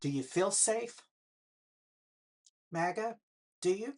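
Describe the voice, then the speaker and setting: Slow, husky older woman questioning her viewers. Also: mid-range voice, lively intonation, darkish tone. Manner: pointed rhetorical questions addressed to the viewer; sarcastic. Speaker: political vlogger. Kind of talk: direct-to-camera commentary.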